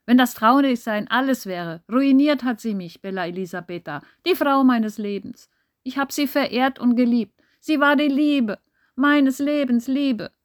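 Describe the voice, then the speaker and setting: A woman voicing a melodramatic, grief-stricken man who exclaims and rants theatrically in a high, loud voice in an audiobook. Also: normal speed, no echo, studio quality, lightly acted. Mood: bitter outburst. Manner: exclaiming, sobbing, ranting.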